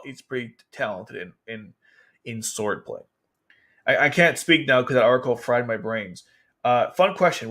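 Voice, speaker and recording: On a livestream, a man with a medium-pitched voice casually commentates, reading an article aloud and reacting with excited, exasperated outbursts.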